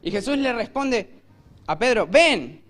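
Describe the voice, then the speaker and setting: A man with a Rioplatense Spanish accent preaching a sermon in a church, telling the story vividly and acting out shouted lines. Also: very high-pitched, animated, normal speed. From Argentina. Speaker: pastor.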